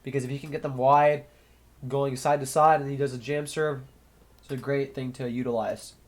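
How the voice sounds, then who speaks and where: Stuffed up from a cold, a young man with a somewhat nasal, mid-range voice delivers solo play-by-play commentary at a moderate pace and steady tone. He's relaxed as he calls the match, thinking aloud in the gaps between points.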